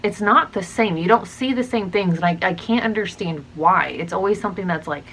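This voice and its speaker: A young woman talking casually to her channel's viewers, musing out loud with many pauses and restarts. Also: medium pitch, slight background noise, low-quality recording. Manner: musing, hesitant, frequent ums and restarts. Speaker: channel host. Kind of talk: casual talk to camera.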